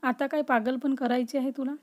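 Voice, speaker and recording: Cheeky young guy teasing his girl, read by a woman, high mellow voice. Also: fairly even intonation, a little fast, natural voice.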